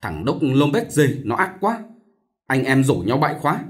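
A man's voice: medium pitch, sing-song, moderate pace, voice pushed up, close to an everyday voice. A man voicing an earnest young male student who explains things to his sister.

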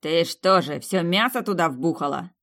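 A woman voicing a rude, domineering male tavern owner who talks in a gruff, barking way. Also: fairly low pitch, expressive, normal speed, a bit bright. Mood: scornful.

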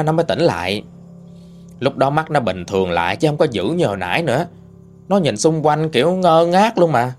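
A man with a Southern Vietnamese accent narrating a ghost story in a chatty, folksy way. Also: medium pitch. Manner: lively, chatty folksy telling.

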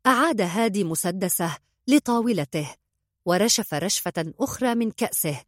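A woman reading an audiobook story in a measured, even way. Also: mid-range voice, no echo, clean studio sound. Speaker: narrator.

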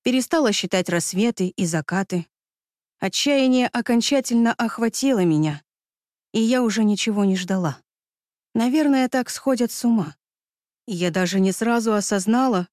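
A woman's voice: fairly high pitch, moderate pace, a little mellow, dry recording, studio quality. A woman reading a first-person story aloud with tense, dramatic delivery. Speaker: audiobook narrator. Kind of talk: first-person scripted narration.

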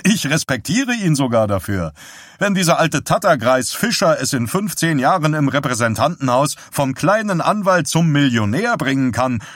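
A man's voice: a little high, sing-song, moderate pace, fairly bright tone, dry recording, studio quality, pitched above the performer's own voice. A man voicing a cheerfully condescending middle-aged husband in an audiobook, jovial and patronizing. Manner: jovial, patronizing, barking laugh. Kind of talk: audiobook character reading.

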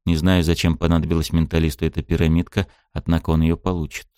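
Resonant low male audiobook narrator. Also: level tone, fast talker, dark tone, smooth, no room sound, studio quality. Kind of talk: scripted first-person narration.

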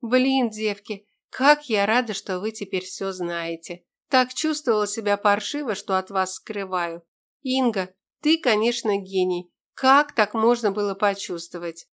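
A tough woman soldier with a soft heart , as a woman narrating a storybook puts her on. She speaks in a plain, earnest way, in a voice of middle pitch. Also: a little slow, clear, resonant tone, lightly acted. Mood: relieved.

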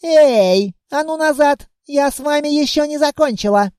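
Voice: high-pitched, lively intonation, a little slow, darkish tone, dry recording, studio quality, voice pushed up. A reader voicing a fierce little girl who is stubborn and bossy in an audiobook.

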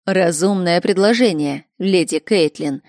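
A woman reading a story aloud, voicing a stern, hot-tempered emperor with a gruff, commanding delivery. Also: on the low side, measured pace, a little mellow, dry recording, clean studio sound. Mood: grudging.

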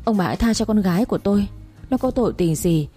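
A woman voicing a poor old mother who begs quickly for her daughter to be spared. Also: medium pitch, expressive, mellow, slightly rough, faint music behind. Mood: pleading. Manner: pleading, rushed.

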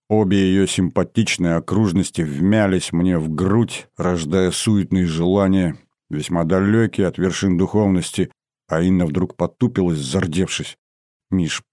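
A male audiobook narrator with a low voice tells the story in a measured way and gives the dialogue more life. The recording is close and dry, with no room sound. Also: dark tone, no echo. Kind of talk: scripted narration.

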